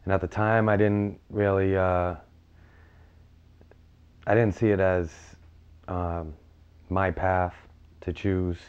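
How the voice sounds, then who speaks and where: A male firefighter from the United States reflects in an interview. His voice is very low and resonant, with little melodic movement. He talks plainly and haltingly, recalling personal stories. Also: level tone, clear, resonant tone, muffled recording.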